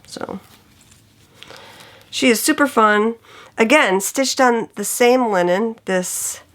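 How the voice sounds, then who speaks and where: A woman with a medium-pitched, slightly bright voice and a gravelly edge talks through her stitching projects at an unhurried pace. As a cross-stitch vlogger in a casual show-and-tell chat, she enthusiastically gushes over patterns and colors like a devoted crafter sharing with friends.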